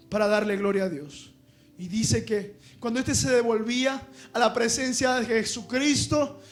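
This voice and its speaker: A man preaches a sermon with an unusually high-pitched voice. He swings between loud, impassioned shouting and quiet, hushed stretches. Faint music plays underneath him. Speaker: pastor.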